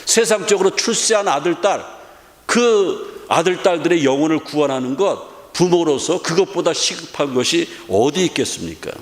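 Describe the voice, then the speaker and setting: A middle-aged male pastor preaching with emphatic rhetorical questions. His voice sits a bit high for a man, and it rings through a large church hall with long reverb. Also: animated, normal speed. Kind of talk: sermon. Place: church sanctuary.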